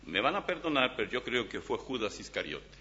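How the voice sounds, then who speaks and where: A man preaching with animated, emphatic delivery, his voice swinging from soft to loud. His tone is bright and his pitch moves a lot. The recording is dull and lo-fi, with a long hall reverb. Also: a little fast. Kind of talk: sermon with Bible reading.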